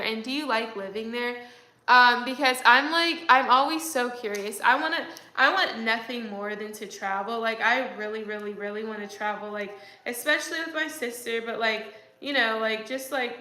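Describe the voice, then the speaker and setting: Hosting a livestream, a young woman chats casually and reads viewer comments aloud, rambling with lots of fillers. Her voice is on the high side, pushed and bright, at normal speed, with a roomy sound.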